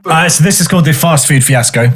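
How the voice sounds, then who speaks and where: A man's voice: fairly high pitch, fast, over music. A man co-hosting a podcast, reading listener stories aloud and laughing as he goes. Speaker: podcast co-host.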